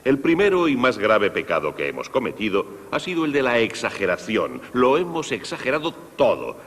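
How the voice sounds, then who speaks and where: A man presenting a concert for young people, explaining music to children in a lively, direct way, dubbed in Spanish. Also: mid-range voice, moderate pace, breathy edge, long reverb tail. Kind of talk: Spanish dub of a televised music lesson.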